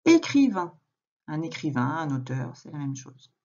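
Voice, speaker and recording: A woman teacher recording a reading lesson for a young child at home, speaking slowly and patiently, addressing the child directly. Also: low voice, steady tone, darkish tone, lo-fi sound. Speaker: primary school teacher.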